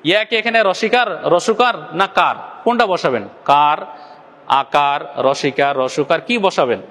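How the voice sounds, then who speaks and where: A man's voice: on the high side, moderate pace, a bit bright, in a large hall. A man from Bangladesh teaching Quran recitation step by step, asking questions, answering them himself and stretching out demonstration syllables to the viewers. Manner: addresses viewers directly. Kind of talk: step-by-step lesson.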